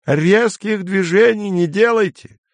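A man reading an audiobook, voicing an excitable, brash man in a high, drawn-out, insistent voice. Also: vocal fry, no room sound, full character voice. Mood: glib.

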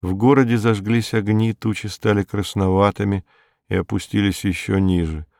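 Deep-voiced man reading a novel slowly. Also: vocal fry, dry recording, clean studio sound. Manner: measured and calm. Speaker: audiobook reader. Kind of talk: slow literary audiobook narration.

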